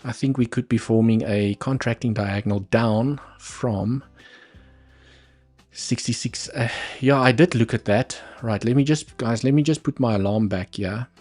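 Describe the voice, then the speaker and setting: In a mid-range, slightly mellow voice, an unhurried livestream trading host talks over faint music. He's a South African man whose first language is Afrikaans. He analyzes the market live, thinking aloud over the charts and muttering asides.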